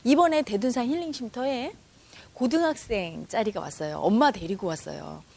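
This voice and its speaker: A woman teaching meditation in a spiritual talk to an audience, expressive and acting out the dialogue she quotes. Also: fairly high pitch, moderate pace, gravelly.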